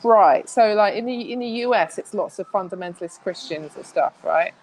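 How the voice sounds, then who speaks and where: A woman's voice: mid-range voice, normal speed, darkish tone, rough recording. A woman speaking as a guest in a casual interview, chatty, with many restarts and fillers.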